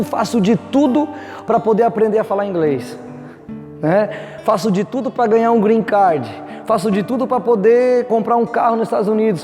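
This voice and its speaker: Fervent Brazilian pastor, high voice. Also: male voice, creaky. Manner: fervent preaching, many restarts, voices imagined objections. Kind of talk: teaching sermon to cell leaders. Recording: echoey room with long reverb, soft guitar behind.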